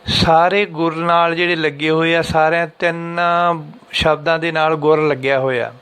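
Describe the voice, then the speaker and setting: Guy teaching scripture, patient, repeats lines slow, kinda high smooth voice. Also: flat delivery, a bit bright. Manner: patient, repeats and chants lines slowly to show pauses. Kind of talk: explanatory religious lesson.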